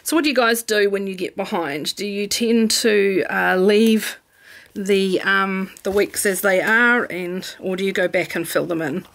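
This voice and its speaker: A middle-aged woman with a New Zealand accent, chatting casually at home as she plans, relaxed and full of ums. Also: medium pitch, unhurried, gravelly. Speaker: planner vlogger. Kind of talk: casual craft chat. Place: home room.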